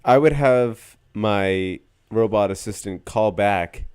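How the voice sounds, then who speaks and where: Blunt, crude-talking man with a low voice. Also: slow pace, darkish tone, clear, resonant tone. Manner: blunt, crude, heavy swearing. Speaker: podcast co-host. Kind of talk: casual chat.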